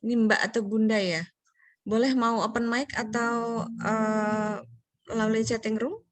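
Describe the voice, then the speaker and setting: A woman's voice: on the high side, steady tone, unhurried. Woman moderating an online webinar. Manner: polite, reads out audience questions, many fillers. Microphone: video call.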